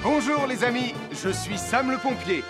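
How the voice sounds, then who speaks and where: Fireman Sam, lively cartoon hero. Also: extremely high pitch, moderate pace, over loud music. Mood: cheerful. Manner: clear, instructive, encouraging. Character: friendly, upbeat heroic cartoon fireman. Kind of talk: French cartoon dub, presenting to children.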